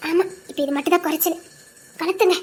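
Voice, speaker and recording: A woman's voice: very high-pitched, steady tone, a little fast. A woman voicing an anxious but firm young wife who scolds and worries. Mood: scolding.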